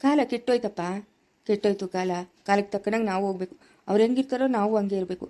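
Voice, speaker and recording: A woman's voice: medium pitch, very fast, warm tone, natural voice. A woman with a Chikkaballapura-area Kannada accent voicing a firm older village man who acts as a father figure and lectures, repeating himself, in a family village drama. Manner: insistent, lecturing, repeating lines.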